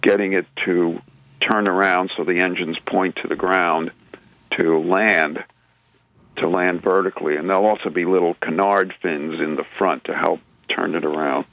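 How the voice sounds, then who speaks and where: Very deep gravelly man on radio. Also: fairly even intonation, normal speed, no room sound, lo-fi sound. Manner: rambling, with many restarts and filler sounds. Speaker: radio show co-host presenting news segments. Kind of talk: casual radio chat.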